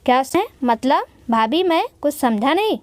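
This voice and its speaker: A woman's voice: sits high, sing-song, moderate pace, no echo. A woman doing a young army husband, respectful, storybook. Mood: polite. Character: wounded young male soldier husband.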